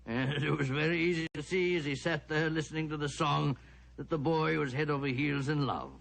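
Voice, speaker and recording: Genial old British doctor. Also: male voice, a little high, fairly even intonation, fairly quick, vocal fry, fairly bright tone. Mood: genial, reminiscing. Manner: avuncular, hesitant asides, exclamatory. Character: genial elderly doctor, British gentleman narrator and loyal friend. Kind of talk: old-time radio drama storytelling.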